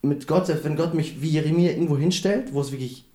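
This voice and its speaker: Young man with roomy, mellow voice. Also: on the high side, quick pace. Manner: enthusiastic, youthful slang. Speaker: podcast co-host.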